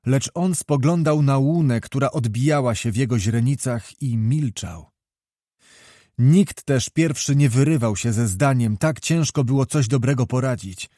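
Guy reading an audiobook, even unhurried telling, dry close sound. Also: mid-range voice, no room sound. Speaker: audiobook narrator. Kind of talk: scripted audiobook narration.

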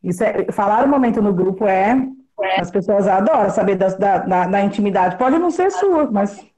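A woman's voice: mid-range voice, animated, normal speed, warm tone. A Brazilian woman with a frank, upbeat manner, giving a casual sales training talk over a video call and laughing often. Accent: Brazilian Portuguese. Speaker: guest speaker, sales consultant.

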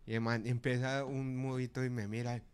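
A man's voice: mid-range voice, moderate pace, clean tone. A man with a Colombian accent, a comedy radio host telling stories and acting out everyone in them. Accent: Colombian Spanish. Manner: animated, acts out the people in his stories. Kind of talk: comic storytelling. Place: radio studio.

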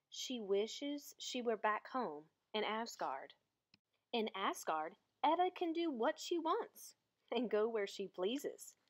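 In a fairly high voice, a storybook reader delivers a children's picture book aloud, deliberate and expressive as she tells the story.

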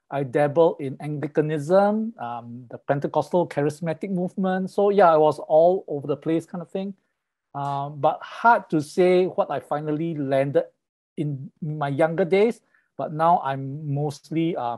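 Middle-aged man, from Singapore, interview guest, fairly high voice, earphone mic on a video call. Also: darkish tone. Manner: friendly, with frequent fillers. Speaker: guest, professor of sacred music. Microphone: wired earphone mic on a video call.

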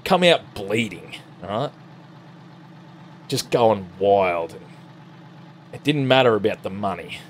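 A gaming streamer with an Australian accent chats casually to viewers while driving in a farming game, rambling and swearing freely in his let's-play commentary. His voice is fairly low with a fairly bright tone, over slight background noise.

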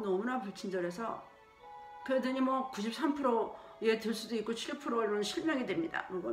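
A woman's voice: mid-range voice, recorded from a distance. A woman who works at a daycare, telling of her own experience in an indignant, storytelling way and acting out what others said. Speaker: daycare worker. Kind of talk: personal testimony. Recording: roomy echo with faint music.

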